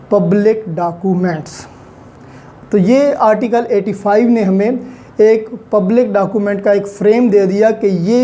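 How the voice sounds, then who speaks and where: This woman has a medium-pitched, mellow voice and a Pakistani accent. Teaching law in an online lecture, she goes step by step, poses questions and answers them, and uses many English terms.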